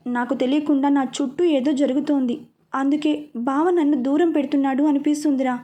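A woman's voice: high-pitched, fairly even intonation, brisk, mellow, natural voice. A woman reading as a sulky young woman. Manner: pouting, teasing.

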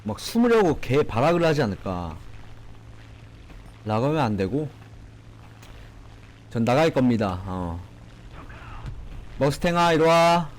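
Excitable swearing man playing a game. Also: mid-range voice, unhurried, pauses often, slight background noise, low-quality recording. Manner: excitable, swearing, shouting at enemies. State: tipsy from drinking. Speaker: gaming streamer. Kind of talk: live gameplay commentary. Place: small room at home.

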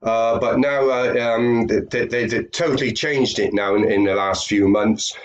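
Unhurried and fairly even in intonation, a medium-pitched older British man speaks from a small indoor room. The affiliate marketer sounds nasal from a cold as his webcam talk wanders, heavy on fillers and repeats.

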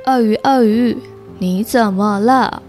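A woman voicing a caring, helpful cat from a storybook, read slowly to a toddler. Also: a little high, a little mellow, soft background music. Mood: concerned.

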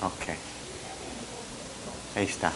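A man from Portugal with a European Portuguese accent softened toward Brazilian, giving a university lecture with halting restarts and frequent tag questions into a microphone. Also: very noisy. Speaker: visiting professor, lecturer.

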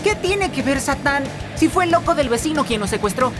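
A woman voicing a sensible, peacemaking young dog in an animated parody. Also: high-pitched, a little fast. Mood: questioning. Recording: loud music behind.

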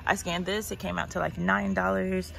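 A woman's voice: fairly low pitch, level tone, normal speed, gravelly, a bit bright, slight background noise, poor audio. Woman vlogging on a handheld phone. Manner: chatty, walking while talking, addressing viewers directly. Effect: recorded on a handheld phone. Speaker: shopping vlogger. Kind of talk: casual walk-and-talk store tour. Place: large indoor retail store. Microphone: phone held in hand.

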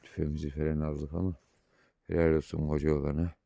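A man who is a shepherd vlogger, talking casually to viewers at night outdoors on a phone camera, calling loudly to his dog between calm updates. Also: a bass voice, quick pace, creaky, no room sound. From Turkey. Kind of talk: casual vlog talk to viewers.

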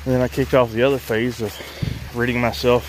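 A man's voice: mid-range voice, flat delivery, brisk, slight background noise, rough recording. Folksy man talking on a walk. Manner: folksy, plain-spoken, rambling. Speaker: vlogger. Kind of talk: casual walk-and-talk vlog. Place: outdoors on a rural property and inside a truck.

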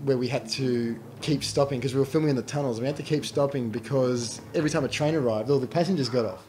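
A man's voice: medium pitch, fast talker, dark tone, soft background music. A middle-aged man chatting casually through an audio commentary and laughing often. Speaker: commentary host.

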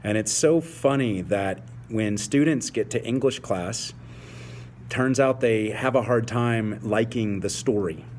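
A man's voice: medium pitch, a little slow, darkish tone, a little hiss or hum. A man in his forties, an English teacher, speaking passionately and emphatically to fellow teachers, repeating key phrases. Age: 40s.

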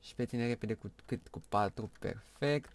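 A man giving excited live gameplay commentary, shouting at the game and muttering to himself between bursts. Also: medium pitch, slight background noise. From Romania. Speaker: gaming video host.

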